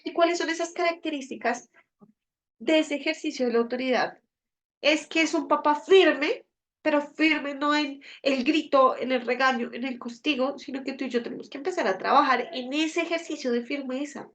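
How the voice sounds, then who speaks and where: A woman's voice: high-pitched, moderate pace, fairly bright tone. A woman giving a parenting talk at home, explaining and checking in with listeners often. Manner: explanatory, with frequent rhetorical "¿sí?" checks. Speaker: parenting workshop speaker. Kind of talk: live online talk to parents.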